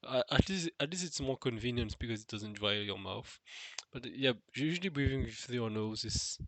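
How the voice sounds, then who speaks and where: A vlogger speaks at a moderate pace in a mid-range voice with lively intonation, his nasal, stuffed-nose quality clear in the dry recording. He muses alone and unscripted to the camera, hesitant and prone to fillers and restarts.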